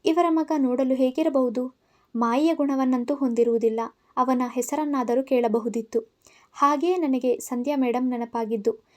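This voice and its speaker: A woman storyteller narrating in the first person, reading with feeling and clear expression. Her voice is high and light throughout. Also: steady tone, normal speed, a little mellow.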